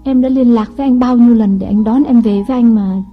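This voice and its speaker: A man's voice: fast, narrow, tinny audio, faint music behind. A man doing a coy, scheming young wife. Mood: coaxing. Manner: wheedling, coy falsetto.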